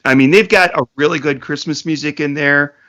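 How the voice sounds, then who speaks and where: A man with a bright, sharp, fairly high voice chats on a casual podcast. He rambles through jokey asides and swears freely as he riffs on episodes. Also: a little fast. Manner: joking, profane, rambling asides. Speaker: podcast co-host. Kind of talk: casual podcast review chat.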